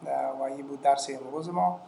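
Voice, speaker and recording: A man with an Afghan Dari accent teaching an online English lesson, talking patiently and repeating each word slowly with many hesitations. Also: medium pitch, steady tone, gravelly, dark tone. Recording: echoey room with faint noise.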